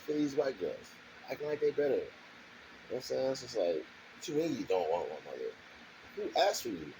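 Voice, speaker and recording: A man's voice: mid-range voice, sing-song, a little fast, vocal fry, background noise. A man talking alone in a garage in a rambling, defensive monologue, circling back to the same points and checking in with the listener again and again. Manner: defensive, repetitive, keeps asking "you know what I'm saying". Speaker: vlogger.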